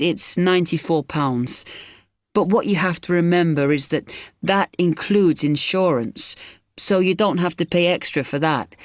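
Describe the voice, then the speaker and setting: A helpful shop assistant played by an actor explains products in a scripted listening-test dialogue. The pitch sits mid-range, and the recording is dry with little room sound. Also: no echo, natural voice.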